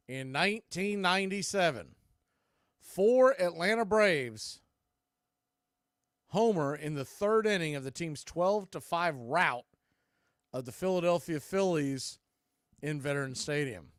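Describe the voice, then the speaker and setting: This American play-by-play host calls a live baseball game, tossing in casual, folksy remarks along the way. His fairly high, slightly bright voice comes through studio-clean with no room sound.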